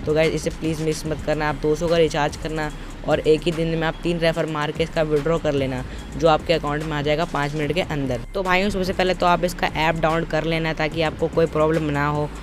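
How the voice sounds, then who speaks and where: Speaking briskly over music, a young man with a somewhat high voice delivers flatly. He's a tutorial presenter narrating an informal, step-by-step voice-over with repetitive instructions, and the recording carries noisy, outdoor traffic-like background sound.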